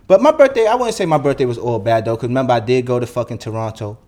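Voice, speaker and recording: A man's voice: mid-range voice, expressive, quick pace, darkish tone. A young man, ranting bluntly and profanely as a podcast host. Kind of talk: solo podcast monologue.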